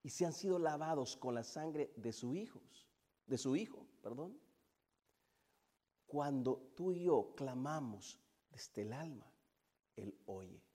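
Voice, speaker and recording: A man preaching a sermon, moving between hushed, drawn-out passages and loud, fervent build-ups. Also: fairly high pitch, animated.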